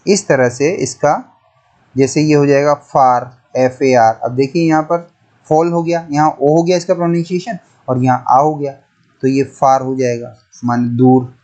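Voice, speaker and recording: Slow, methodical man teaching grammar. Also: mid-range voice, steady tone, darkish tone. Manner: slow, methodical, repeats words and spells them letter by letter. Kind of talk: classroom-style lesson explaining pronunciation.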